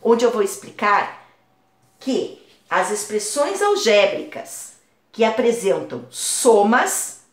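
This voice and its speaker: A woman math teacher talks a class through a lesson, patiently and with everyday comparisons. Her voice is a little high and lively, rising and falling a lot. The sound carries a clear room echo. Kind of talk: explaining algebra lesson. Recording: echoey room.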